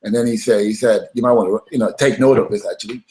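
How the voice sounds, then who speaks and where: A man's voice: lowish voice, fast, poor audio. A middle-aged man, a guest in an interview, telling his story with energy and often acting out what others said. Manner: animated, acts out quoted dialogue.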